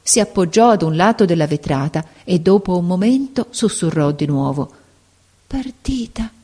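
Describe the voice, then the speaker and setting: Low-voiced woman reading a novel. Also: expressive, moderate pace, dark tone. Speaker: audiobook reader. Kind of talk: scripted narration of a novel.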